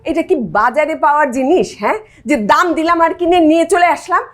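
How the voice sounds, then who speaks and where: A woman's voice: sits high, fast talker, close to an everyday voice. A woman playing an exasperated doting mother. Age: middle-aged. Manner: exasperated, teasing. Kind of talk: TV drama acting.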